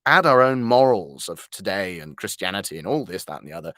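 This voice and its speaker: In a conversational interview, a British voice actor tells anecdotes in an animated, halting way, often correcting himself. His voice is low-pitched, and the studio-quality recording has no room sound.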